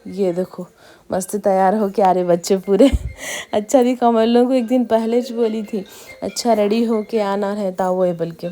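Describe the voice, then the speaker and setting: A woman's voice: mid-range voice, normal speed, slight background noise. Chatty Hyderabadi woman vlogger. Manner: chatty, animated retelling with quoted dialogue. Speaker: anganwadi teacher and vlogger. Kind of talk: casual vlog storytelling.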